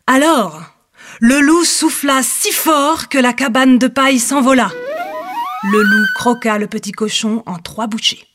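A woman narrating a children's story clearly, sometimes addressing the listener directly. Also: high-pitched, huge pitch swings, a little slow, fairly bright tone, faint music behind.

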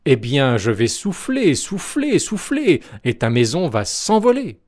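A man voicing a greedy, boastful big bad wolf in a storybook reading, loud and blustering. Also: a little high, huge pitch swings, measured pace, voice pushed up, full character voice. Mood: menacing.

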